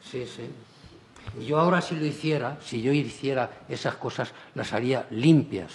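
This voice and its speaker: A man's voice: medium pitch, normal speed, slight background noise. An older man, a painter speaking on a panel in a large auditorium, who chuckles often and restarts his phrases. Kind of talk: panel discussion.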